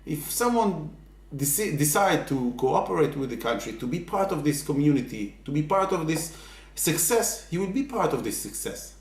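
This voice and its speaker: A man giving earnest, halting interview answers full of fillers. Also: on the high side, sing-song. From Israel. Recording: echoey room.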